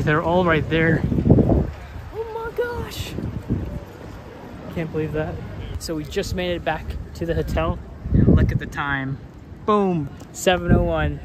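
A young man narrating a casual travel vlog in a loose, chatty way, with lots of fillers and self-corrections. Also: fairly high pitch. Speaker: travel vlogger. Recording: busy crowd noise around him.

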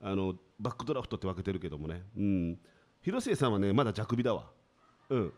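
Sardonic comedian, lively pitch. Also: male voice, quick pace. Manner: sardonic, self-mocking, grumbling. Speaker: radio show host. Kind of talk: casual comedic radio monologue. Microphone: studio microphone.

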